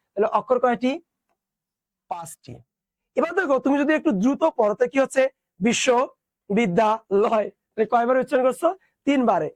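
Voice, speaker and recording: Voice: mid-range voice, darkish tone, no echo. A teacher giving an online exam-prep lesson, posing questions and answering them, with English words mixed in. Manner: quizzes students with questions, then answers them itself; mixes English words into the explanation.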